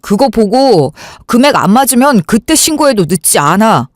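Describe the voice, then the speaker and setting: A woman voicing a calm, stalling husband. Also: on the high side, normal speed, dry recording, studio quality. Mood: placating. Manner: soothing, stalling, keeps urging calm. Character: calm, evasive man, elder sister's husband. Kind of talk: Korean radio drama acting.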